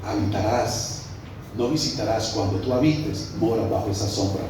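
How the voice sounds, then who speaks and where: Preacher with a Colombian accent in an echoey church. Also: male voice, lowish voice, moderate pace. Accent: Colombian Spanish. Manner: storytelling preacher, conversational, addresses the congregation as brother. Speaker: pastor. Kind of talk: sermon. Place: church hall. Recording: roomy echo, mic at a distance, faint background noise.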